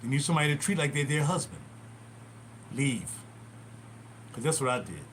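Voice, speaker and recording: A man's voice: medium pitch, moderate pace, slight background noise. A man in his sixties rambling through stories from his youth on a casual livestream, recorded in a small bathroom at home. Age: 60s. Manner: rambling, animated, digressive. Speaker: livestream host. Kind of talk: casual storytelling.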